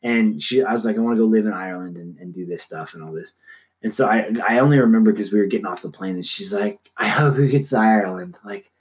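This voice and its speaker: A man's voice: fast talker, darkish tone. A young man co-hosting a podcast in casual chat, laughing often and quoting people in a raised voice. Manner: chatty, laughs often, jumps up in pitch when quoting people. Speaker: podcast co-host.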